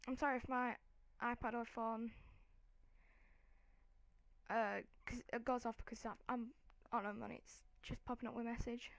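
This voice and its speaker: A woman's voice: on the high side, flat delivery, normal speed, gravelly, no room sound. A woman giving casual, chatty commentary while playing a video game. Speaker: gamer. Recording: loud game noise over voice. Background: video game gunfire and clicks.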